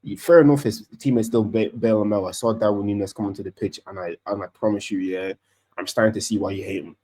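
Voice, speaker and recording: Brief: male podcast co-host, quick and excitable, restarts a lot in football chat. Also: on the low side. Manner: animated, rambling with many restarts. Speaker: podcast co-host, Arsenal fan.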